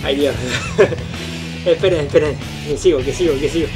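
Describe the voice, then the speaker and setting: A man giving excited commentary while playing a motion game at home, chanting repeated cheers and shouting, picked up by a camera mic at a distance. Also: fairly high pitch, moderate pace. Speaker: gamer filming himself. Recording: loud game music over voice.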